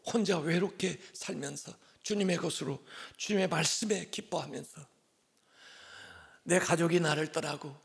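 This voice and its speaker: A grieving prophet pours out his complaint to God, as a preacher puts him on. The voice is gravelly and often drops to a hushed, pleading whisper. It sits a little high for a man. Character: lonely grieving male prophet lamenting to God.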